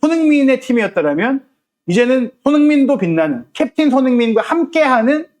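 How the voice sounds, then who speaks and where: A man co-hosting a football analysis talk show, explaining tactics in a lively way and acting out what players say at halftime. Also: very high-pitched, brisk. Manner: animated, acts out locker-room quotes.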